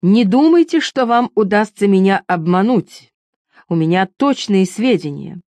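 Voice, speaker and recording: A woman reading the lines of a heavyset, stubborn king who talks with grim insistence and turns shrill when enraged. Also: expressive, measured pace, darkish tone, no room sound. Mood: furious. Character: stubborn heavyset king, sullen and quick to anger.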